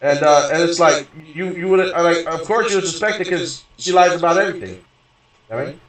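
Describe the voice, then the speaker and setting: A man's voice: a little high, fast talker, fairly bright tone. A man streaming a game, ranting in a rambling, profane way, stumbling over restarts and repeating "you know what I mean". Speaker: gaming streamer. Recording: echoey room, voice far from mic.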